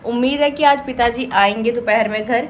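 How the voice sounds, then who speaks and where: A woman hosting a family vlog from home, with a fairly high voice. She tells her story in a chatty, animated way full of quick asides. A faint hum of noise sits behind her. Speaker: vlogger, host of a family daily vlog. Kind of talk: casual storytelling to camera.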